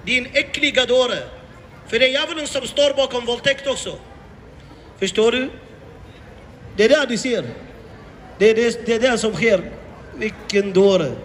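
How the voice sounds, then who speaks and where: A man's voice: very high voice, pauses often, in a large hall, a little hiss or hum. A man preaching to passers-by outdoors on a city street, impassioned and full of repeated rhetorical questions. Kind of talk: open-air evangelistic preaching.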